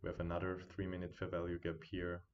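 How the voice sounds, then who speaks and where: Deep-voiced man streaming live trades. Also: completely flat delivery, quick pace, loud music behind the voice. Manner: thinks aloud while watching charts, chatty with viewers. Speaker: day trading streamer. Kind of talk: live trading commentary. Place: home. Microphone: built-in computer mic. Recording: dull, quiet built-in computer mic.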